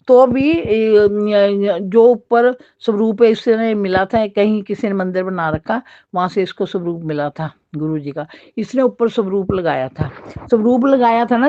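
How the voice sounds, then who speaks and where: Older woman, mid-pitched voice, rambling storyteller who acts out dialogue; dull, dry recording. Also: warm tone, no echo. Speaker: devotee sharing a personal experience. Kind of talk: casual spoken storytelling.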